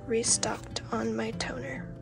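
A young woman, eighteen or so, talks unhurriedly into a phone held at arm's length, giggling and chatty as she films her day. Her voice sits a little high, and loud background music runs under everything she says. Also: flat delivery, takes it slowly, vocal fry. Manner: chatty, giggly, soft-spoken. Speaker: student vlogger. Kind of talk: casual vlog talk to camera. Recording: music playing loudly over the voice.

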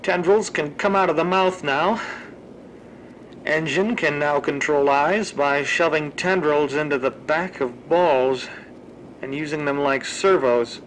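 A man on the high side, a bit bright and a little slow, voices a researcher calmly documenting grim monster experiments. The scripted audio-log narration belongs to a horror fan drama and stays terse and clinical. Slight background noise marks the low-quality recording.

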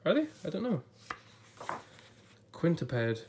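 On the high side and darkish, this man's voice swoops wildly in pitch while he speaks slowly, with slight background noise. A YouTuber still sounding off from a recent illness, he thumbs through an illustrated book at a table before a blue backdrop, chatting and thinking aloud.

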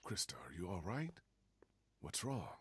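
An actor playing a concerned, steady man who leads survivors in a video game drama. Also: low voice, unhurried, slightly rough, dry recording, heavily acted. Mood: concerned, grave.

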